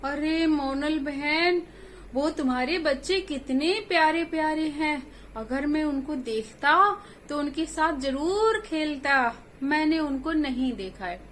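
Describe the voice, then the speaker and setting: A woman's voice: sits high, lively intonation, a little hiss or hum. A woman doing a sly, syrupy wicked bear. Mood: fake sweet. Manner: drawn-out, sugary slow talk. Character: sly wicked male bear, falsely sweet.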